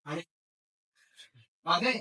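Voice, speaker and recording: Speaking very slowly in a sharp tone, a man leads a hands-on phone repair class. He often stops to check comprehension with questions, and he's caught by a far-off microphone in an echoey room.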